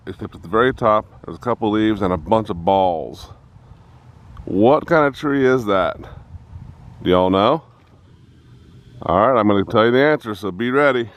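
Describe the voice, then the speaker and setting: A man's voice: on the low side, normal speed, long pauses. A middle-aged man, a hobby farmer, chatting and joking with viewers and his animals while standing outside by a fence. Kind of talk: casual vlog narration. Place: outdoors by a farm fence.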